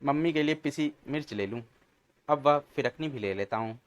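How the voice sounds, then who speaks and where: A man's voice: mid-range voice, moderate pace, close to an everyday voice. A man doing a cheerful clever boy hero.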